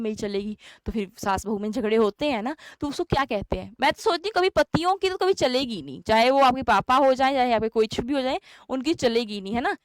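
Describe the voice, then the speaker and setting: A woman's voice: a little high, no room sound. A young Indian woman teaching an English exam-prep lesson, chatty, often asking questions and answering them herself. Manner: chatty, asks and answers her own questions.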